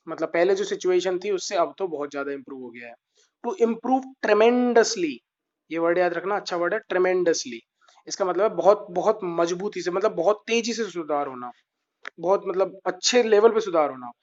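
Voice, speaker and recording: A young Indian man teaching English idioms in a casual online lesson, explaining in Hindi and reading English examples slowly. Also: high-pitched. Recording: dull lo-fi sound.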